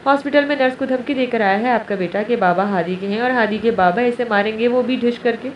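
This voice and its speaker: A woman's voice: on the high side, lightly acted. A woman narrator voicing a young mother who speaks plainly and complains, recorded distant and roomy. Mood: sulky. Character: exasperated young mother, sulking. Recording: roomy, distant, dull, faint hiss.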